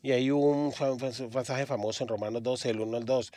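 A man from Australia preaching a sermon in a church, halting often and restarting his words. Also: medium pitch, steady tone, mellow, dry recording.

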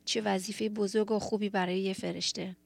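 A woman's voice: mid-range voice, level tone, gravelly, darkish tone, no room sound. A woman giving a sermon, retelling a scripture story in an earnest, reflective way. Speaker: preacher.

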